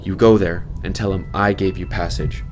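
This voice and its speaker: A man voicing a stern, weary woman army captain who gives calm, clipped orders. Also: sits low, normal speed, faint music behind, lightly acted. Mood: commanding.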